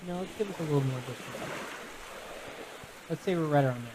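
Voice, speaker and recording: Over a noisy background, a Texan-accented man with a fairly high voice talks a little fast. He reads a gamebook aloud and casually walks a live audience through its rules, frequently restarting sentences and correcting himself.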